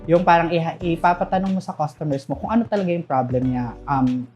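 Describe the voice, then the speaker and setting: A man's voice: a little high, quick pace, darkish tone, lo-fi sound, faint music behind. A young man with a Visayan accent, speaking as a guest in a casual interview and laughing often. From Southern Leyte, Philippines. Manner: candid, laughs often while telling stories. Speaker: guest, call center manager.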